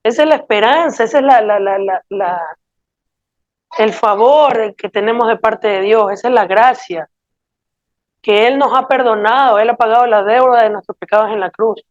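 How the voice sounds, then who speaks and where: A woman preaches with a fairly high voice, earnest and pleading as she presses rhetorical questions on her listeners. The sound is dull and lo-fi. The room is dry, with no echo. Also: normal speed. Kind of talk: sermon.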